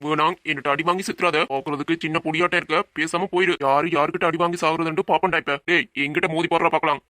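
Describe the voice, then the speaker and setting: A man's voice: a little high, steady tone, racing, sharp tone. A man voicing a brave, protective young man in an audio drama, talking firmly and reassuringly. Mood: threatening. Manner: firm, reassuring, lecturing.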